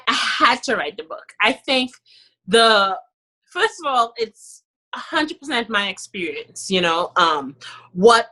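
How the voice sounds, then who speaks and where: On a rough recording, a Trinidadian woman from Trinidad and Tobago talks in a mid-range voice that sounds pushed and bright. She's a dentist and author appearing as a podcast guest in a casual interview. Her style is emphatic and relaxed, sprinkled with "you know".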